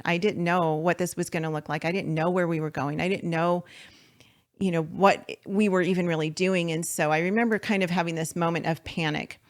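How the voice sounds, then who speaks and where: A woman in her forties speaks as a podcast guest, with a somewhat low voice. She tells her story earnestly, pausing often on fillers and restarting her sentences. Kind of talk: faith-based podcast interview.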